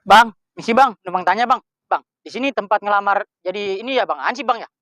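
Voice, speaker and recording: A man with a Betawi Indonesian accent playing an eager, fussy, excitable village guard recruit in a comedy sketch. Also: sits high, fairly quick, no echo, muffled recording. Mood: polite.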